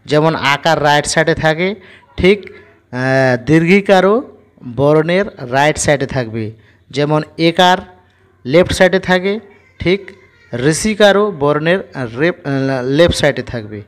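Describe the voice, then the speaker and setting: Man spelling out words slowly for children. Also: on the high side, animated. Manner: spells each word letter by letter, then reads lines slowly. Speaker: teacher.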